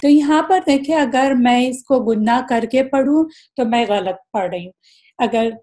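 A woman leads a recitation lesson in a slightly high voice. She explains each rule patiently and slows down to demonstrate the examples. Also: dark tone. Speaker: Quran recitation teacher. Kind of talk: tajweed lesson.

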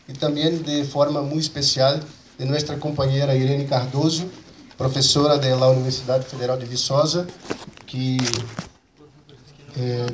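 A man with a Brazilian Portuguese accent and native Portuguese gives a conference presentation in a halting mix of Spanish and Portuguese, repeating and rebuilding his words. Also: medium pitch. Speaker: conference speaker for an agroecology movement. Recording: roomy echo, faint background noise.

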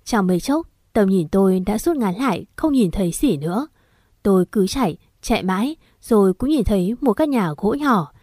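A woman narrating a scripted first-person horror story in a steady, emotional storytelling manner. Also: medium pitch, moderate pace, no room sound, clean studio sound.

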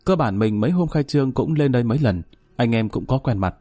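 Brief: male storyteller, mid pitch, casual and wry, dry close sound. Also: lively intonation, fast talker, warm tone, no room sound. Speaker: narrator. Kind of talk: first-person story narration. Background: faint music.

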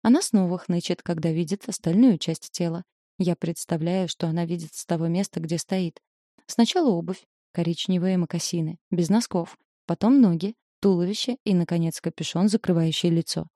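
A woman's voice: on the low side, normal speed, warm tone, no echo, clean studio sound. A woman reading a novel aloud in the first person, telling a tense, confessional story. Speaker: audiobook narrator.

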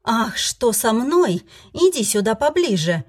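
A woman voicing a furious, indignant young heroine with a shrill, shouting delivery. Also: normal speed, close to an everyday voice.

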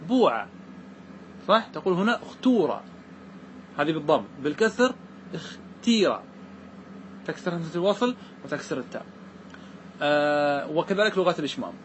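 A man teaching a classroom lesson on Arabic grammar verses, reciting lines slowly and then explaining them while often asking his students whether they follow. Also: on the high side, a little hiss or hum. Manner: checks understanding with repeated questions to students.

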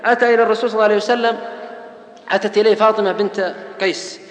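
A man's voice: sits high, fairly even intonation, racing. A man giving a religious lecture, preaching emphatically with oaths and strings of rhetorical lists. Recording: echoey hall with long reverb.

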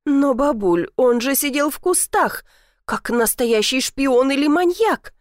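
A woman voicing an indignant, sharp-tongued young city woman who snaps back. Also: high voice, lively intonation, measured pace, no room sound, clean studio sound, voice pushed up. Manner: indignant, snappy.

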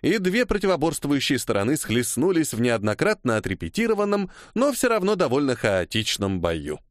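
A man reading a first-person novel aloud as audiobook narration, in an expressive manner. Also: mid-range voice, normal speed, no room sound, studio quality.

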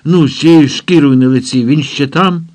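A man's voice: medium pitch, moderate pace, lightly acted. A man reading a frantic young programmer. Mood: urgent. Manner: shouting urgently into a radio. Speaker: character in an audiobook.

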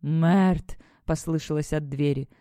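This is a steady, measured audiobook narrator with a mellow, dark tone. The mic is close and dry. Each line is read with even control. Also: mid-range voice, no echo.

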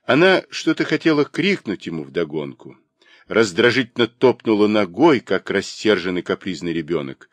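A man narrating a novel as an audiobook in an expressive literary reading. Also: fairly low pitch, moderate pace, dry recording.

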